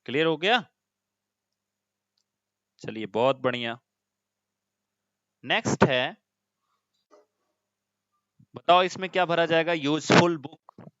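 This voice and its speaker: A man's voice: fairly high pitch, lively intonation, takes it slowly, pauses often, fairly bright tone, clean tone, no echo, dull audio. A man teaching an online class, explaining step by step and often putting questions to his students.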